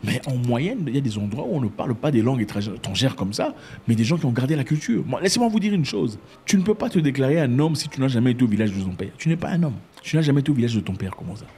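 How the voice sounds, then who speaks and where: A man giving his opinion to camera in a casual, emphatic way, with sudden jumps in pitch. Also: quick pace, slight background noise. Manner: animated and emphatic, with sudden high pitch jumps and mock voices. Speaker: commentator.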